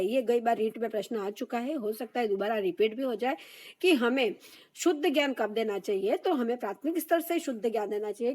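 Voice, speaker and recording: High-voiced woman teaching Hindi exam prep. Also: a little mellow. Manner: explains patiently, repeats key answers with rising emphasis; conversational, with "है ना" tag questions.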